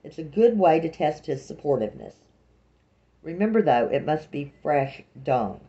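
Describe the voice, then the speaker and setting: A woman's voice: deep voice, very animated, normal speed, mellow, muffled recording. A woman voicing an earnest, zealous woman who lectures on a fringe cause.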